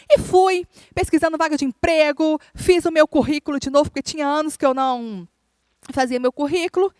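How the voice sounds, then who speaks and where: A woman preaches a sermon, telling a story in an animated way and calling out to her listeners. Her voice sits high, and the recording is dry and close with no room echo. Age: adult, married. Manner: animated storyteller, often calls out to the congregation. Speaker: minister. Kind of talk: sermon with personal testimony.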